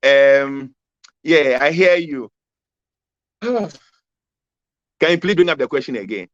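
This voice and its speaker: A Ghanaian man in his fifties answers questions over a video call that keeps freezing and dropping out. His audio sounds dull and dry, with no room around it. He speaks at a middling pitch, emphatic and repetitive, hammering home his key points. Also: expressive, slow, a bit bright, dry recording. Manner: emphatic, repeats key phrases. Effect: video call audio that keeps freezing and cutting out. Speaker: political candidate being interviewed. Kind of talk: remote interview answers.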